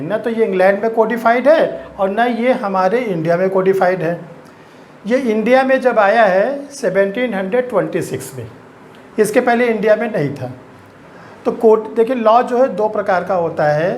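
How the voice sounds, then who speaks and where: A middle-aged man with an Indian accent giving an exam-focused law lecture, slowly stretching out key terms and mixing in English legal words. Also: sits high, a little hiss or hum. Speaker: law teacher.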